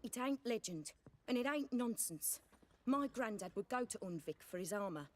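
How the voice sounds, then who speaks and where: A woman's voice: a little high, expressive, normal speed, close to an everyday voice. A woman as a blunt, stubborn young helper. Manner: blunt, matter-of-fact. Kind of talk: video game dialogue.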